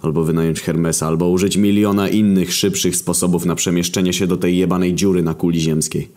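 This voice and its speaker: A man reading a story aloud in a deadpan, crude manner. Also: low-pitched, fairly quick. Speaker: story narrator. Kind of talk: scripted narration.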